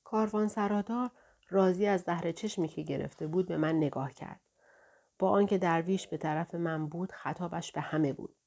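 Low, mellow-voiced woman reading a novel. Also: creaky. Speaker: audiobook narrator. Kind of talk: scripted narration of a novel.

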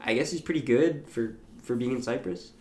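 A man's voice: medium pitch, fairly quick. A young man chats casually as a podcast co-host, his voice sitting in a middling register. He rambles and hesitates, filling gaps with "like" and "um". The room around him sounds echoey. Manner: rambling, hesitant, lots of fillers and laughs. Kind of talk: casual chat.

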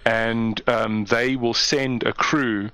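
A man's voice: medium pitch, slow, clear, resonant tone, dry recording. A South African man, a comedian guest chatting casually and telling stories with lots of animation and laughter. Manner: animated storyteller, jumps into mock voices, laughs often. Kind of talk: casual chat.

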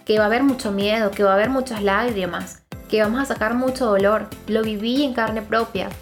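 A woman's voice: medium pitch, steady tone, brisk, soft background music. A woman hosting a self-help podcast, talking emphatically and repetitively while speaking straight to her listeners. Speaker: podcast host.

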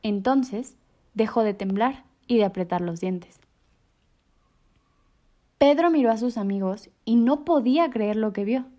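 A woman reading children's stories aloud on the radio in an expressive way. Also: a little high, measured pace, long pauses, lo-fi sound. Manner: expressive, animated read-aloud. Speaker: radio storyteller.

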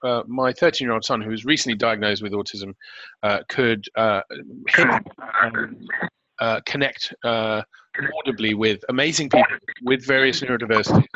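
A man's voice: mid-range voice, fairly even intonation, moderate pace, bright, forceful tone, no room sound. A middle-aged man hosting an interview podcast in a conversational, encouraging way. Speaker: podcast host. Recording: dry, slightly dull lo-fi audio.

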